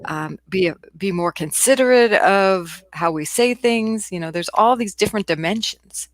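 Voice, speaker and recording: A woman's voice: mid-range voice, normal speed, no echo. A woman hosting a casual podcast, asking friendly, reflective questions. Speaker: podcast host.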